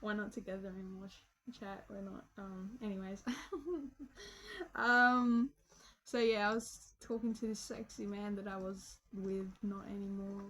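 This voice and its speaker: A woman's voice: medium pitch, a bit bright, rough recording. A young woman casually telling a story about herself, full of slang and swearing, joking and calling the listener "bro". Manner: slangy, profane, joking, says "bro" a lot. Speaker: vlogger.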